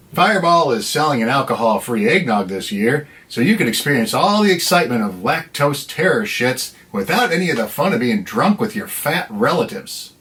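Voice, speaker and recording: A man reading satirical news with an animated, sarcastic, hammy delivery. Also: medium pitch. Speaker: comedy news anchor.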